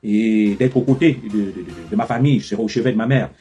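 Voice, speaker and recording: A tired man hosts a live call-in and speaks in measured, repetitive phrases. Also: on the low side, dark tone, husky, faint music behind. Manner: measured, repeats himself, closes with "voilà". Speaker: live-stream host taking calls.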